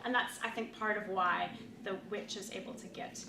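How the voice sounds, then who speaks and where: A woman's voice: mid-range voice, fairly even intonation, normal speed, creaky. A woman presenting to a church group, talking conversationally with frequent "um"s, reading from a book and asking questions. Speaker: preacher and presenter. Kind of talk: teaching talk and reading aloud. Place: church meeting room. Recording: roomy, distant mic, faint noise.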